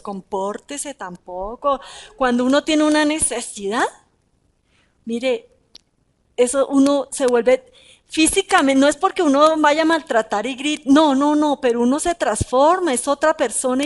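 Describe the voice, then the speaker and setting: A woman preaching a sermon, talking in an animated way with rhetorical questions and emphatic repeats. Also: high-pitched.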